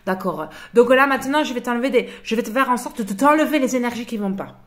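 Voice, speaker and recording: Fast-talking, cooing, over-familiar, ditzy fake energy healer played by a woman, comedy sketch. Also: a little high, lightly acted.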